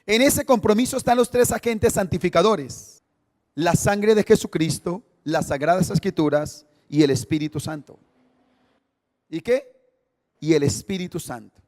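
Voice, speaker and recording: Give me a male pastor with a fairly high voice, preaching emphatically and quizzing the congregation. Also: a little slow, a little mellow. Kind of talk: sermon. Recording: echoey church hall.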